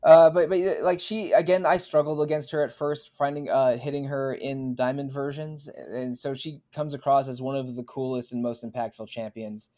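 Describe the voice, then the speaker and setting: A man hosting a relaxed podcast draft. He speaks at a middle pitch, steering the talk and calling on each player by name. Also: normal speed, hardly any pauses. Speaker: host running a draft. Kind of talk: casual podcast chat.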